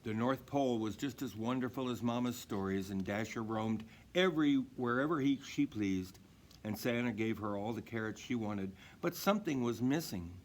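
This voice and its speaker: With a medium-pitched voice at a normal speed, a man narrates a children's story expressively, reading it aloud as a storybook reader.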